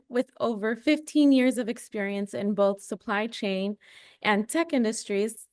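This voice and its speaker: A young woman reads a guest speaker's introduction with careful, slightly hesitant pacing. Her voice sits a bit higher than most. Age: young adult. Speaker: student club secretary introducing the speaker.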